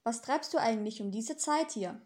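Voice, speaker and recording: A woman voicing a gentle, well-meaning male angel in an audiobook, earnest and primly polite. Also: fairly high pitch, lively intonation, normal speed, close to an everyday voice. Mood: friendly. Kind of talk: audiobook character reading.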